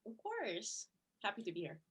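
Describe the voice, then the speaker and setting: A young Korean woman, a plastic surgery resident, chats casually in an interview, filling her answers with "you know" and "like." Her mid-range voice has a breathy edge and wildly swooping pitch at a normal speed.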